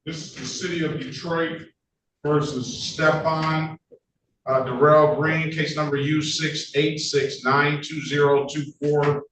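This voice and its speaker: A man presiding as a judge over court proceedings, brisk and procedural with chatty asides, heard in a courtroom recording. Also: on the high side, flat delivery, a bit bright. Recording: echoey courtroom, distant mic, faint noise.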